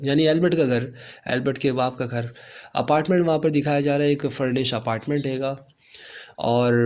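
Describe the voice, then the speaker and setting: A man teaching a lesson, explaining a play step by step and mixing in English phrases. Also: mid-range voice.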